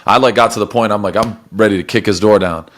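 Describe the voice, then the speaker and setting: A young man hosting a casual podcast chat, animated, laughing often and swearing freely. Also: on the low side, quick pace. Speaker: podcast host and football player.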